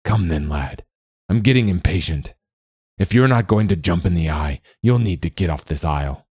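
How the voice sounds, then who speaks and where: A man voicing a gentle, wise older male guide who speaks slowly and in a fatherly way. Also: low voice, animated, breathy edge, dry recording. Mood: firm. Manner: slow, fatherly, calls the youth lad.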